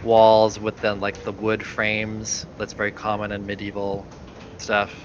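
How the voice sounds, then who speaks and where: A man's voice: lowish voice, monotone, a little slow, muffled recording, background noise. A man narrating a tabletop game as game master, hesitant and full of fillers.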